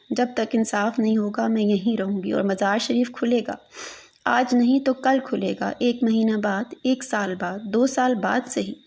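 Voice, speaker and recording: A distraught young daughter pours out her fervent vow, saying it again and again, as a woman reads her part in a story. Her voice is gravelly and husky, pitched a little high. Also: darkish tone. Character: distraught young woman vowing to stay at a shrine.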